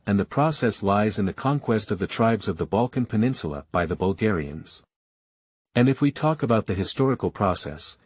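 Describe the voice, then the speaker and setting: A man with a low, husky voice delivers a historical parliamentary speech in a declamatory voice-over. His tone is oratorical and insistent, recorded dry and close with no room around it. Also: darkish tone, dry recording.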